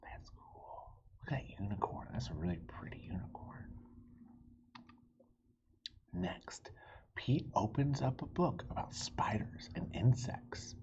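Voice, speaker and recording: Reading a children's picture book aloud, a storybook host speaks expressively in a rumbling low, sing-song whisper, slow and full of pauses and vocal fry. She offers friendly asides directly to young listeners, and the sound is dull and lo-fi with faint noise.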